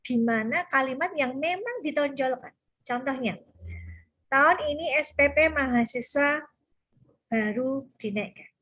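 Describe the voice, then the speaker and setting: A woman's voice: high-pitched, measured pace, fairly bright tone. A woman lecturer explaining sentence grammar to students, patient and repetitive, checking in often. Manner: patient, repeats key terms with frequent "ya" checks.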